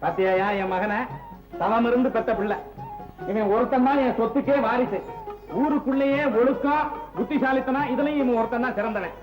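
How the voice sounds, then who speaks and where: A boastful village headman, very high voice. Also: moderate pace, muffled recording, over music. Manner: boastful and domineering. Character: pompous middle-aged village headman, doting father. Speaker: village council president. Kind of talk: 1960s film acting.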